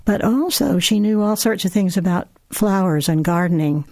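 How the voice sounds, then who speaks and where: A woman's voice: mid-range voice, normal speed, no echo. A woman author answering interview questions, telling stories with the odd laugh. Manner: warm laughing storyteller, reads excerpts aloud. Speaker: author and guest. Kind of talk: radio interview answers and reading aloud.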